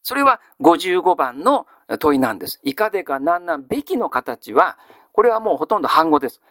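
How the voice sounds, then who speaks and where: A male teacher giving a grammar lesson. He asks a question, then answers it himself in a measured way. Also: a little high, very animated, fairly bright tone, dry recording, clean studio sound. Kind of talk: classical Japanese grammar lesson.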